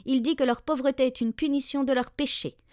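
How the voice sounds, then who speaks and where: A woman's voice: high voice, fairly even intonation, fairly quick, a little mellow, no room sound, studio quality, voice pushed up, lightly acted. A woman voicing an unyielding, wrinkled old female doorkeeper in a storybook reading. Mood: curt. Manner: curt, unyielding.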